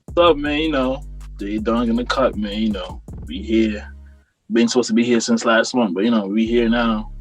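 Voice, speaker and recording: A man's voice: medium pitch, normal speed, faint music behind. A young man from Jamaica, a rapper guest on a video call, talking in a laid-back, rambling way full of fillers. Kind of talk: casual interview chat.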